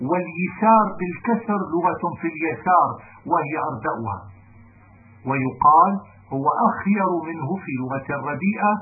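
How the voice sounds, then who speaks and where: Man reading classical grammar over a tinny line. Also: fairly high pitch. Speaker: reader of a classical text. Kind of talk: reading a classical Arabic grammar text aloud. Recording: narrow phone-like band with faint noise.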